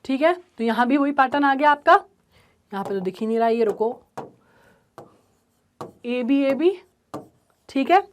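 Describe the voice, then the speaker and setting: High-voiced woman teaching a poem. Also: moderate pace, long pauses, slight background noise. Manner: repeats "ठीक है" often, mixes English terms into Hindi. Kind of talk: explaining a poem to school students.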